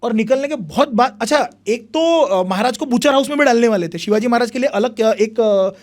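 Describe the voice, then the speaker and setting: A young man, a history speaker, telling a long story in animated conversation and acting out what people said. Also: very high voice, brisk. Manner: animated retelling with repeated phrases, acts out quotes.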